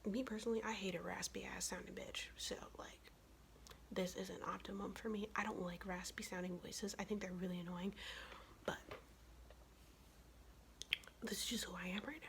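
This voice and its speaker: A young woman whispers right into the mic, her voice raspy and worn from illness. She tells a blunt, profanity-laced story in a chatty whispered ASMR style, at a middle pitch. A faint hiss sits under her voice. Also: steady tone, normal speed, pauses often. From United States. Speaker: ASMR vlogger.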